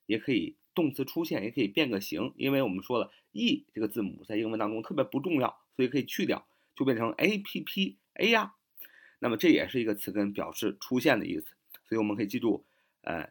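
A man gives an English vocabulary lesson in a lively voice that swings widely in pitch, and his pitch sits mid-range. He spells words out letter by letter at a slow, deliberate pace. He repeats his example sentences, often with a small filler between them.

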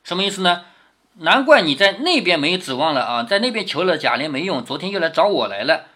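Lively-voiced man explaining a classic novel. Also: a little high, fast. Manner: explains patiently, with frequent rhetorical questions. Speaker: father reading a classic novel to his daughter. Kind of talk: reading aloud a classic novel with explanatory commentary.

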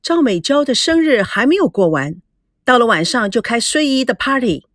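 A woman narrating a storybook in an expressive way, doing the voices of the characters herself. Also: fairly high pitch, normal speed, heavy background noise. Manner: expressive, acts out all the voices.

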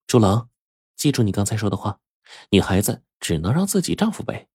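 A man's voice: mid-range voice, sing-song, fairly quick, a little mellow, slightly rough, no echo, clean studio sound, pitched above the performer's own voice. A man voicing a willful, bossy young woman from a rich family in a told story. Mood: teasing. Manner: bossy and playful.

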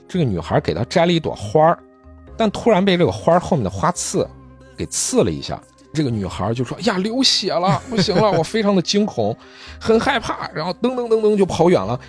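A man's voice: on the high side, darkish tone. A man hosting a podcast, casually retelling a manga story and briefly voicing the characters, with faint music behind.

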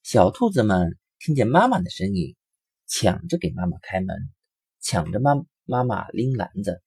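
Man, children's story narration, husky voice, very lively pitch, dry close sound. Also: moderate pace, dry recording. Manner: expressive, rising and falling storyteller delivery.

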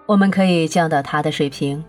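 A woman reading an audiobook, voicing a calm older man who mentors in a quiet, gentle way. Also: sits low, fairly quick, soft background music, natural voice.

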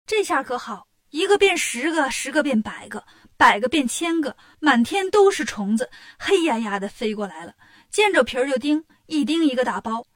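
Lively woman reading kids' stories, high voice, dry close mic. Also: moderate pace, dry recording. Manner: lively, expressive. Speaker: storyteller. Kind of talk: children's story narration.

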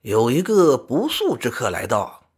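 A man's voice: mid-range voice, wildly swooping pitch, unhurried, breathy edge, heavily acted. A man playing a brash young scholar. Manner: brash and jovial. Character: bold, carefree young male scholar.

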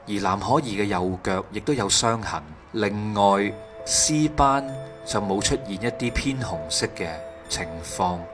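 A man with a Hong Kong Cantonese accent reads scripted true crime narration in a factual, methodical manner. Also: fairly low pitch. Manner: factual, methodical recounting of case details. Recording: music behind the voice. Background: background music.

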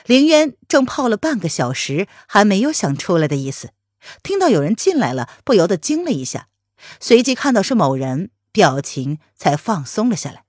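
A woman narrating a palace romance novel as an audiobook, in an expressive storytelling manner. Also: medium pitch, normal speed, dry recording, clean studio sound.

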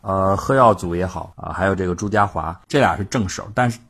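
Low husky male history storyteller. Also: brisk, fairly bright tone. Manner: chatty, colloquial, frequent "ah" fillers. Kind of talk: casual spoken history storytelling.

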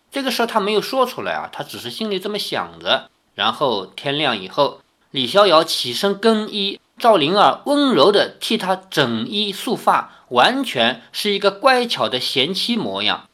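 A man narrating a fantasy novel for an audiobook, with a mid-range voice that rises and falls lively. He reads expressively and drops into relaxed, chatty asides to his listeners. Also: medium pitch. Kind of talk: storytelling novel reading with asides.

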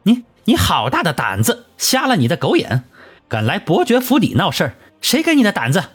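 A spoiled young noble heir bellows in a shrill, indignant voice, as a male narrator puts him on. He sits well above the narrator's usual pitch and pushes hard on every phrase. The storybook reading is husky, with soft music behind. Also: huge pitch swings, brisk, heavily acted. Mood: outraged.

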